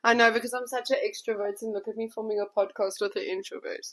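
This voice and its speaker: A woman's voice: on the high side, fairly even intonation, fast talker, fairly bright tone. A woman in her twenties hosting a podcast, interviewing her mother in a playful, teasing way. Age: 20s. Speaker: podcast host. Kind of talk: casual chat.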